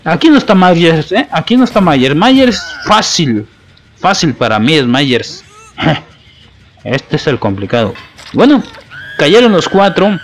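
A man's voice: on the high side, sing-song, unhurried, slight background noise. Taunting Mexican man commentating gameplay. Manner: taunting, playful trash talk at opponents.

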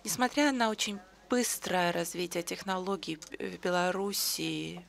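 A woman giving simultaneous conference interpretation, hurried, with clipped restarts. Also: fairly low pitch, gravelly.

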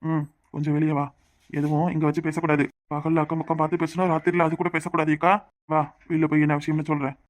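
A woman's voice: low voice, little pitch movement, quick pace, close to an everyday voice. A woman voicing a sly, scheming village man in a cartoon, speaking with a Tirunelveli Tamil accent. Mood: hushed scheming. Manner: sly, conspiratorial. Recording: cartoon dub with music underneath.

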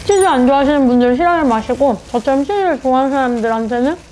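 A woman's voice: high voice, rapid-fire, darkish tone, a little hiss or hum, poor audio. A woman hosting a mukbang, chatting casually with viewers while talking with food at her lips. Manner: chatty, addresses viewers directly. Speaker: mukbang host.

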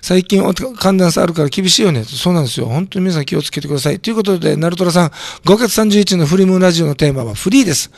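A hoarse man with a throat cold hosting a community radio show, chatting casually and joking while reading listener comments. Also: sits high, rapid-fire, no echo. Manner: chatty, jokey, reacts to comments aloud. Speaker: radio host.

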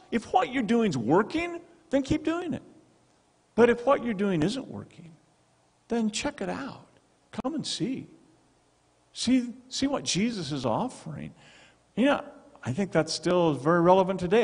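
A man's voice: high voice, breathy edge. A middle-aged man preaching a sermon in a church, talking into a handheld mic with emphatic gestures. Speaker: pastor. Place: church sanctuary with stone wall and projection screen. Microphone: handheld microphone. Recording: long hall reverb.

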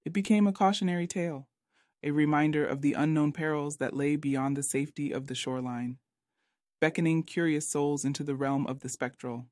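A man reading a scripted spooky story as narrator, with an even, dramatic storytelling delivery. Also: fairly high pitch, fairly quick, dry recording, clean studio sound.

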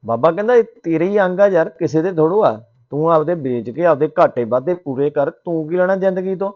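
A man voicing a wise old holy man who patiently lectures and gently scolds. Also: on the high side, lively intonation, brisk, lo-fi sound, natural voice. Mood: teasing.

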